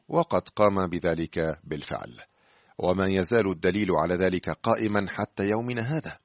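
A man giving scripted radio Bible teaching, speaking to the listener in a measured, earnest way. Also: fairly low pitch, breathy edge, no room sound.

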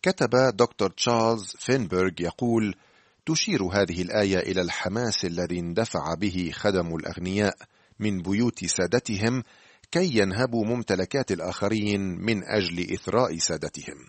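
A man giving scripted radio Bible teaching, speaking to the listener in a measured, earnest way. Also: low voice, no room sound.

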